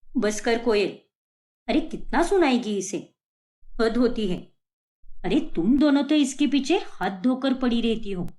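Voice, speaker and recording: Brief: woman as a strict cartoon mother, sharp scolding, lively pitch. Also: a little slow, pauses often. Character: stern middle-aged mother, defends her son. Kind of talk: cartoon voice acting.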